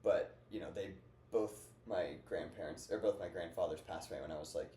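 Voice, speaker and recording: A young man in his twenties hosts a casual podcast chat, his low voice brisk and warm as he rambles upbeat with plenty of fillers. The room echoes and carries a faint noise.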